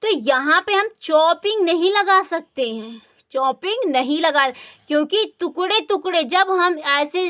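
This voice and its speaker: A woman with an Indian accent, a native Hindi speaker, teaches spoken English in a classroom-style lesson. Her voice is high, bright, and forceful, and she repeats words while constantly asking the listener questions.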